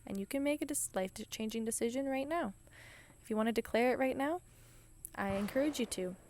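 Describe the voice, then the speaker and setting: Woman, podcast host, motivational monologue, eager and encouraging, a bit of vocal fry, middle pitch. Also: darkish tone. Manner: enthusiastic, encouraging, chatty with restarts.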